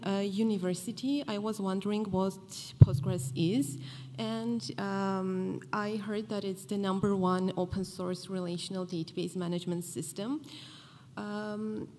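A woman in her twenties from Armenia giving a conference talk at a podium, earnest, pausing often with fillers. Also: medium pitch, a little mellow, long reverb tail, slight background noise. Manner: earnest, with frequent fillers and pauses. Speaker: conference speaker. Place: large conference hall, at a podium.

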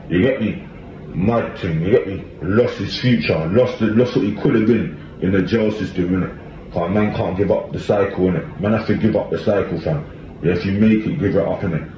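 A man with a low voice and a London accent talks casually and emphatically in street slang, looping back on his points with tag questions. He is on a phone in a small, echoey room, with slightly dull sound and faint noise. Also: brisk. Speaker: commentator. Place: small tiled room indoors. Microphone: phone at arm's length.

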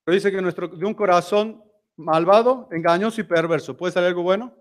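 Addressing a church congregation as a seminar speaker, a high-voiced man talks fairly quickly in a Rioplatense Spanish accent. He keeps his sermon conversational, often throwing rhetorical questions at the audience.

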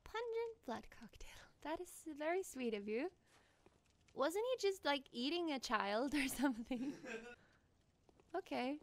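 A young woman streaming a video game, excitable, swearing and laughing as she plays. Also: sits high, unhurried, long pauses, a little hiss or hum. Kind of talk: live gameplay commentary.

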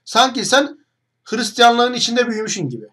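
A man's voice: very high voice, sing-song, normal speed, sharp tone, husky. A young man hosting an online video, talking straight to the camera in a mocking, combative monologue full of rhetorical questions.

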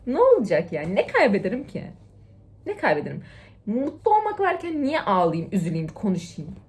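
A young woman talking casually to her viewers in a lively, lecturing way, swinging between loud and hushed. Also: mid-range voice, brisk. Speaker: TikTok vlogger. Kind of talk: casual motivational chat to camera.

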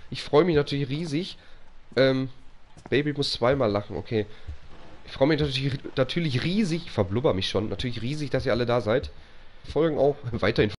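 A man doing live commentary on a horror game, excitable and jumpy, talking to his chat. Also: mid-range voice, a little fast, slight background noise. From Germany. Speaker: live streamer.

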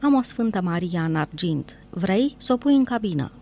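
A woman voicing a gentle, earnest young woman speaking softly. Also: mid-range voice, expressive, a little hiss or hum, lightly acted. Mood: tender.

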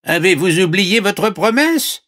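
A man's voice: sits high, animated, measured pace, fairly bright tone, pitched above the performer's own voice. A man voicing a polite little frog. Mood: insistent. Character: small warty green male frog, patient.

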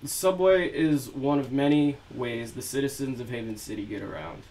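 This man's voice is mid-pitched and he talks at a normal speed, the audio being low quality. After some laid-back, filler-laden chatter, he moves on to reading an excerpt of a novel he wrote.

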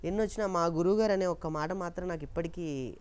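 The mimicry artist talks fast in a high voice, with a bit of background noise, during a casual interview about his career. His earnest, lively anecdotes come with impressions of everyone he quotes.

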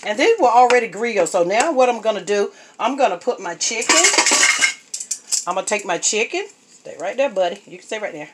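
Filmed by a phone held above the pot, a woman vlogs her home cooking with a mid-range voice, lively intonation and a fairly quick pace. She's chatty and homey, keeps saying "y'all" to her viewers, and the noisy kitchen audio is filled with clinking pots and utensils.

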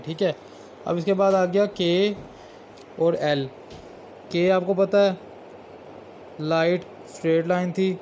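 A man teaching shorthand in a slow, unhurried way, naming each stroke and repeating it as he writes. His voice sits a little high for a man. Faint background noise and the odd passing vehicle can be heard. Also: dark tone. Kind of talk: step-by-step lesson while writing.

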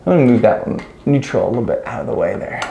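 A man in his thirties, an electrician, explains each step while he installs a ceiling light, in a relaxed, practical way. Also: medium pitch, racing, creaky, lo-fi sound, noisy background. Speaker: electrician instructor. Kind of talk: hands-on how-to narration. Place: small room in a house, indoors.

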